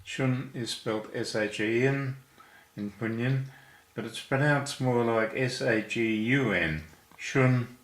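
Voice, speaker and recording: A man's voice: medium pitch, a little slow, a bit bright, echoey room. A man teaching Chinese character strokes, patiently explaining each one step by step. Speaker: language teacher. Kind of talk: calligraphy lesson, step by step.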